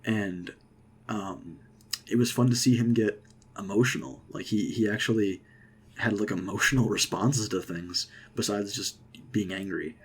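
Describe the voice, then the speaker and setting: A young man casually rambling through an excited movie reaction, with lots of fillers and restarts. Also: fairly low pitch, a little slow, husky. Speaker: vlogger.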